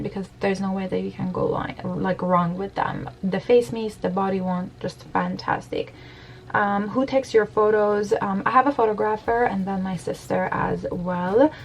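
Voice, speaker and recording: A gravelly, medium-pitched voice with fairly even intonation speaks at normal speed, recorded dully by a camera on a desk. The speaker is a beauty blogger in her thirties from Iran who does her makeup in her bedroom while chatting candidly, fillers and all, for a Q&A get-ready-with-me video.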